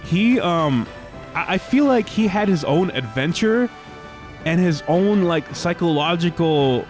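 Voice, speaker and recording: A man's voice: fairly high pitch, expressive, measured pace, soft background music. A man co-hosting a gaming podcast, giving casual, joking, rambling commentary while playing.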